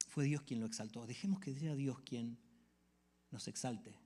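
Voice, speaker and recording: A man preaching a sermon, swinging from hushed whispers to loud exclamations. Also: mid-range voice, unhurried, slightly rough. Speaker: pastor.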